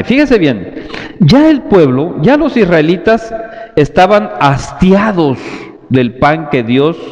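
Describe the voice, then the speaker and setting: Slow-preaching man in a reverberant hall. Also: a little high, a little mellow. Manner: slow, deliberate preaching, calling out to the brethren. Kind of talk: sermon. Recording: dull lo-fi audio with long church reverb.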